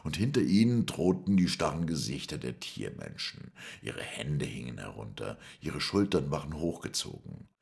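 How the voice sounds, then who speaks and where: Very deep, gravelly male narrator. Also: normal speed, hardly any pauses. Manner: dramatic, expressive reading. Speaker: audiobook narrator. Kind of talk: scripted first-person narration.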